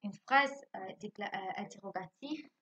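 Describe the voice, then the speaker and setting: A woman's voice: medium pitch, moderate pace, a bit bright, breathy edge. A woman teacher giving a recorded lesson to young children, asking questions and answering them herself and spelling words out letter by letter. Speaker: primary school teacher. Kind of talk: recorded remote class lesson. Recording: dull lo-fi recording.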